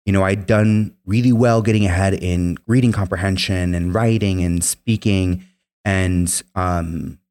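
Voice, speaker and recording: In a deep, slightly mellow voice, a young Spanish-speaking veteran shares his story as a guest on an interview. He comes across as earnest and meandering, his speech heavy with fillers such as "um" and "you know."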